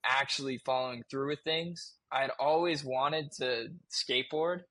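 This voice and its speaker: A man's voice: mid-range voice, fairly even intonation, moderate pace, sharp tone, no room sound. A man in his twenties, a podcast guest, telling a personal story in casual chat, candid and swearing freely as he restarts his sentences.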